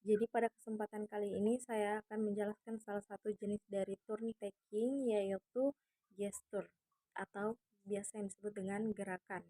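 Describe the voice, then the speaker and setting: A woman student gives a measured class presentation, moving between English and Indonesian. Her voice is mellow and unhurried. The recording is dry and close. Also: mid-range voice, fairly even intonation, dry recording, poor audio.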